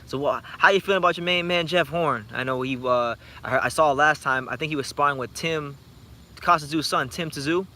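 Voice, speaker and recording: A man in his twenties hosting a boxing channel, chatting late at night and answering viewer comments in an animated, rambling way with many restarts. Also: on the high side, brisk. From United States. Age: 20s. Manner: animated, rambling, frequent repeated starts. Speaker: YouTube boxing channel host.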